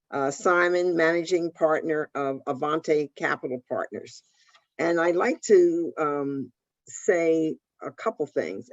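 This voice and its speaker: A woman hosting a panel, introducing the speakers in a deliberate way with frequent fillers and repeated words. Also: sits low, darkish tone, no room sound, lo-fi sound. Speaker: panel host, managing partner.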